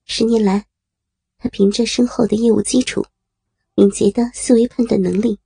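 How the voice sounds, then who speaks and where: Female narrator, fairly high and husky, steady audio-story reading, dry sound. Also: normal speed, no echo. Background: faint music.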